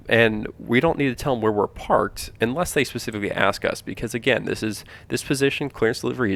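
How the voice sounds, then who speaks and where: A man's voice: lowish voice, vocal fry. A man giving an informal instructional walkthrough as a flight trainer, explaining each step and repeating key points for emphasis.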